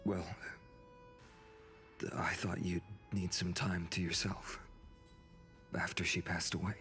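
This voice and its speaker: Earnest, low-voiced young game hero. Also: male voice, flat delivery, fairly bright tone, soft background music. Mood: gentle, courteous. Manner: earnest, measured, polite. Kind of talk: video game voice acting.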